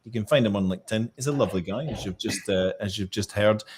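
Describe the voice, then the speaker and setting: A man's voice: fairly low pitch, fast, slight background noise. A man hosting a live-streamed industry show, friendly and upbeat as he introduces and questions guests. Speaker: host.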